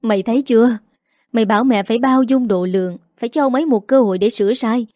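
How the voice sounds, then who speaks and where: A woman's voice: a little high, fast, dark tone, no echo, clean studio sound, natural voice. Woman doing a bitter, wailing village mother. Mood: lamenting. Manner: wailing, scolding, harsh-tongued.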